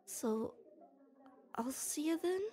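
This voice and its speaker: Speaking directly to the listener in an ASMR roleplay, a young woman plays a shy, gruff-but-kind tomboy, right up against the mic. Her high-pitched voice is warm, with lively intonation and a slow pace, and her words come out hesitant and stammering.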